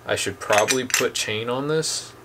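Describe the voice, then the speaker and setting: A man's voice: medium pitch, normal speed, background noise. A young man casually showing off two boat anchors at home, talking plainly with lots of ums. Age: young adult. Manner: relaxed, plain-spoken, many ums. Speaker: channel host reviewing boat anchors. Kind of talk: casual product demo. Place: dim indoor room at home.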